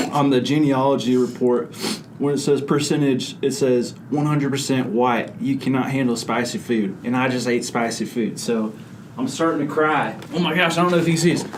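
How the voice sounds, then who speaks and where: A man's voice: medium pitch, moderate pace. A young man hosting a youth ministry video, dramatically complaining and coughing through a spicy food challenge. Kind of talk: casual hot-sauce challenge banter. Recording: noisy room background.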